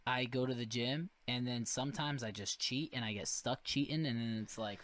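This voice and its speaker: A man's voice: mid-range voice, moderate pace, fairly bright tone, no echo. A young man with a mid-range voice chats casually as a host. He banters like a frat bro with slang and curses, recorded dry with no room sound. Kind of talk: casual chat.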